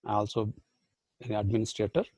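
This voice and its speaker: A man's voice: lowish voice, little pitch movement, a little fast, a little mellow, slightly rough, no echo. A man with an Indian English accent, a professor and life skills trainer whose first language is Badugu, giving a motivational online lecture full of rhetorical questions and repeated phrases.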